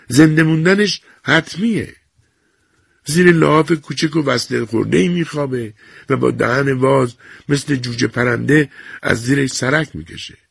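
Brief: a man doing a frail, proud old grandmother, thin and high, slow and earnest, a husky gravelly edge, dry close sound. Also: a bit bright, dry recording, exaggerated voice. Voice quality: raised, thinned voice.

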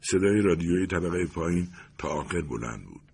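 A man calmly narrating an audiobook in an even storytelling manner. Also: sits low, creaky, breathy edge.

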